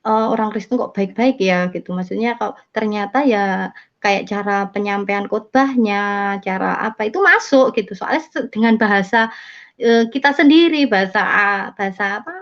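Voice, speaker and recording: A young woman from Java giving a rambling, casual spoken testimony as an interviewee, often correcting herself mid-sentence. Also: mid-range voice. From Java, Indonesia. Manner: rambling, self-correcting, repeats "gitu". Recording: dull lo-fi interview audio.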